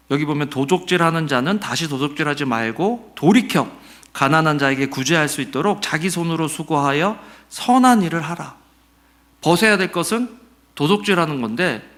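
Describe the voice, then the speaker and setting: Animated middle-aged pastor preaching. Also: male voice, fairly high pitch. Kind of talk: Sunday sermon.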